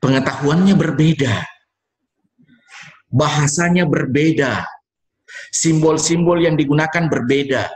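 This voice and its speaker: A man's voice: fairly high pitch, measured pace, pauses often, roomy sound, rough recording. A man, lecturing students in a conversational way, repeating words and answering his own questions. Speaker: university lecturer.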